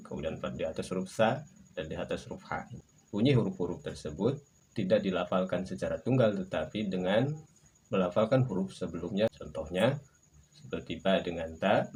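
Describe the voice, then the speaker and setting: A man teaching Quran letter pronunciation in a patient, measured recorded tutorial, prompting the listener again and again to repeat. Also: low-pitched, a little mellow, a little hiss or hum.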